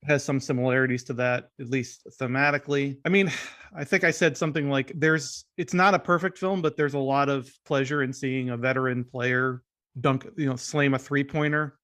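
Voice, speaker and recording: A man's voice: medium pitch, fairly even intonation, moderate pace, a bit bright. Male podcast film critic, mid-range voice, loose conversational delivery with restarts. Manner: conversational, frequent restarts and hedges. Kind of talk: casual film discussion.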